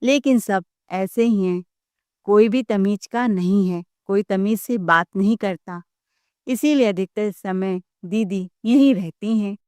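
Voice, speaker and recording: A woman's voice: mid-range voice, takes it slowly, a little mellow, no room sound, clean studio sound, lightly acted. A woman voicing a plain-spoken young man explaining family matters matter-of-factly.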